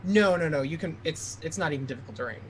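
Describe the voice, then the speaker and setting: A man's voice: fairly high pitch, fast, slight background noise, low-quality recording. A man running a tabletop game as game master, narrating scenes and explaining them to players.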